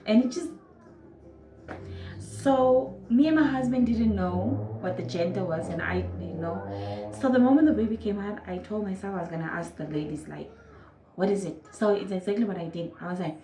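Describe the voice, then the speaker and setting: A woman's voice: mid-range voice, moderate pace, echoey room, over music, rough recording. A young woman with a Namibian accent, telling a personal story casually to her viewers and acting out moments. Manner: animated, acts out moments with quoted voices and sound effects. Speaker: vlogger.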